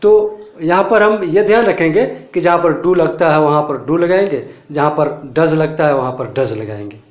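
Indian male English tutor, step-by-step classroom explainer, higher voice, echoey room. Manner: explains step by step with many rhetorical questions; slow, deliberate English example phrases. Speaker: English teacher. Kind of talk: spoken English lesson.

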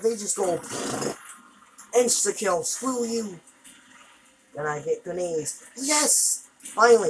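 A woman's voice: mid-range voice, noisy background. A woman commenting on her gameplay as she plays, frustrated, exclaiming and cursing at the game. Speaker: gamer.

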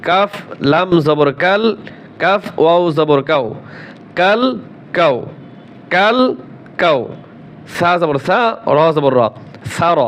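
A man teaching Quran recitation, spelling words out letter by letter, quizzing learners, and chanting verses slowly and drawn out. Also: a little high, a bit bright. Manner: drills letter by letter, asks learners questions, slow drawn-out chanting.

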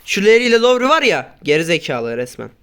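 A man doing casual gameplay commentary, grumbling and swearing at his teammates, then breaking into sudden loud outbursts. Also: sits high, very animated, quick pace, clean tone. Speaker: gaming YouTuber.

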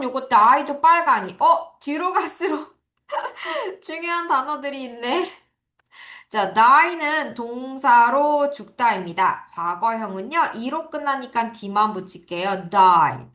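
A woman teacher giving an online vocabulary lecture, drilling pronunciation by slowly repeating words for her students. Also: a little high, fairly bright tone. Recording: echoey room.

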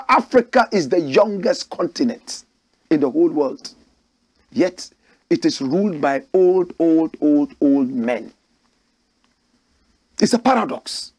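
A male commentator reads a news story aloud and breaks in with emphatic, preachy asides, often answering his own rhetorical questions. His voice sits high and swings widely in pitch. It has a husky edge and sounds dry and close. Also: dry recording. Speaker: show host and commentator. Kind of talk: political commentary reading a news article aloud.

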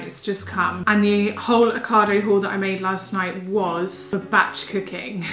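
Filming a casual food haul vlog at home, this young heavily pregnant woman talks with enthusiasm despite being a bit out of breath. Her medium-pitched voice is slightly bright, and faint music plays in the roomy recording.

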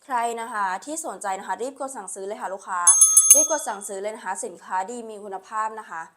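Woman live seller pitching nonstop. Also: quick pace, noisy background. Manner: repetitive, urging hard sell with frequent polite particles. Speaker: live-stream online seller.

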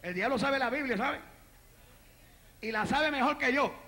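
A male evangelist preaching a dramatic sermon testimony to a congregation, rising into shouts. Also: very high-pitched, unhurried. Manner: dramatic storytelling, shouting in fervor. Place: church before a congregation.

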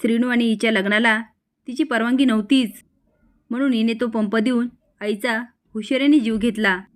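A woman's voice: a little high, steady tone, normal speed, close to an everyday voice. A woman voicing an angry middle-aged woman who shrilly accuses her family. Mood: angry accusing.

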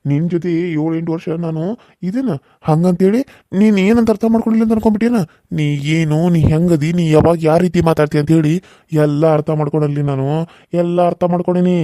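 A man's voice: a little high, fast, warm tone, no room sound, studio quality, natural voice. A man voicing a menacing, scorned young village man in a cartoon serial, taunting and threatening with mocking laughs.

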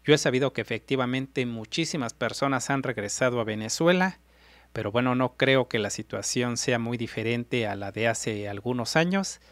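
A middle-aged man from Mexico, hosting reaction commentary, speaks at a moderate pace and medium pitch, earnestly repeating himself as he talks to his viewers. He's in an indoor room against a city backdrop, using a large desk microphone and in-ear monitors, with no room sound.

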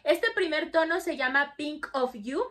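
A woman's voice: sits high, measured pace, pushed and bright. A young woman with a Mexican Spanish accent chatting casually to camera about lipsticks, bubbly and full of fillers. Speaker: beauty vlogger. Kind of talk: casual makeup review to camera.

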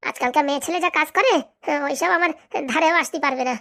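Woman doing a domineering cartoon wife, high voice, very fast, scolding, comic. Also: pushed and bright. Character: bossy sharp-tongued wife, scolding, greedy.

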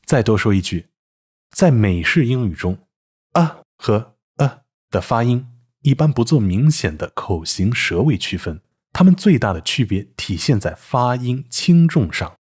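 A man's voice: medium pitch, big pitch swings, unhurried, a little mellow, husky. A man narrating a scripted pronunciation lesson, carefully demonstrating sounds and explaining them step by step. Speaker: English pronunciation teacher.

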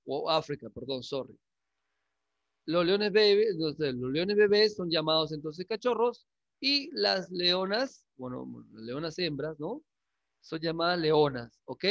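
In a muffled recording, a high-pitched, slightly bright male teacher runs an online English class, moving between languages. He keeps asking "¿sí?" to check understanding and chuckles a lot.

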